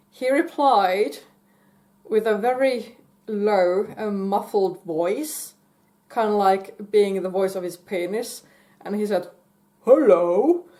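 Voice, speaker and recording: Slow, halting woman telling a story. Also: mid-range voice, mellow. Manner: hesitant, halting, many fillers and restarts; giggly, breaks into laughter. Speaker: vlogger. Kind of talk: casual personal storytelling.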